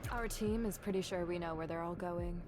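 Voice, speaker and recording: A woman voicing a steady woman reporting to her team, in matter-of-fact game dialogue. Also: fairly low pitch, a little fast, soft background music, natural voice.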